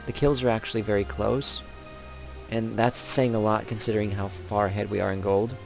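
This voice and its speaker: Commentating on his own video game match, a young man rambles chattily and keeps correcting himself while game sounds and music play. His lowish voice is brisk and flat, with vocal fry.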